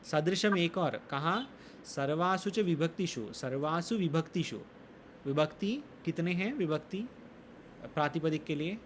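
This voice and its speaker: A man teaching a Sanskrit grammar lesson, explaining rules slowly, reciting sutras and quizzing his students. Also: fairly high pitch, lively intonation, slight background noise. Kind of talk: classroom lesson in Hindi.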